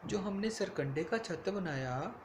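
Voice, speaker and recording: A man's voice: sits high, lively intonation, measured pace, roomy sound, a little hiss or hum. A man voicing a plain-spoken male mason in a bedtime story. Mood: defensive.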